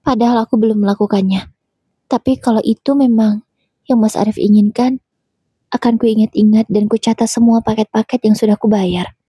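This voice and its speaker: A woman narrating a first-person domestic drama in a steady, measured storytelling voice. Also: a little high, slightly rough, no echo, studio quality.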